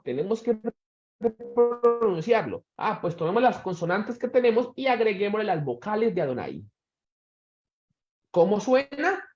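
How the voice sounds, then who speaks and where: Lively, high-voiced man teaching Bible class. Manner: questioning, slows down to stress key words. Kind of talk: church Bible class lecture. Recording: echoey room, dull sound.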